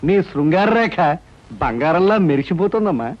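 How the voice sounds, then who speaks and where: An actor playing a scheming male palmist who flatters with a sing-song manner and fires back quick retorts. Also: a little high, a little hiss or hum, natural voice. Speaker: palm reader. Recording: dull lo-fi film audio.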